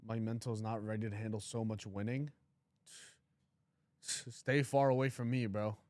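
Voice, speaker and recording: A man's voice: fairly low pitch, level tone, unhurried, darkish tone, no echo. Blunt young man chatting on a livestream. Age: 20s. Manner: blunt, teasing, reads chat aloud. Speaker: livestream trading host. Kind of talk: casual livestream chat.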